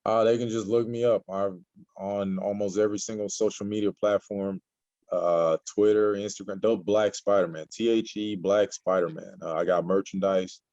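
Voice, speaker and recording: Deep-voiced man, relaxed and rambling. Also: normal speed, no room sound, muffled recording. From Nigeria. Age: 40s. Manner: relaxed, rambling with many fillers. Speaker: guest. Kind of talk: casual interview conversation.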